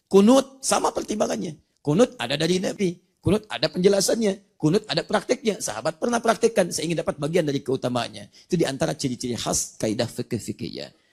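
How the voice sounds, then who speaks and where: A man's voice: fairly high pitch, gravelly, a little mellow, slightly rough. A man giving an Islamic religious lecture, explaining points of law with rhetorical questions and recited Arabic verses. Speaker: preacher.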